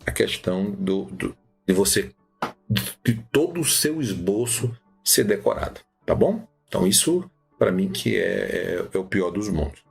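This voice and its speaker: Gravelly low-voiced preaching teacher. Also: male voice, unhurried, soft background music. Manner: animated, many restarts and "tá bom?" checks. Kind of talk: live-streamed preaching lesson.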